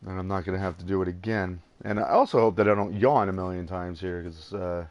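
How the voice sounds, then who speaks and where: A man's voice: low-pitched, fairly even intonation, a little fast, a little mellow. A tired man rambling through casual gameplay commentary, chuckling at himself and hesitating often. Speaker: let's play gamer.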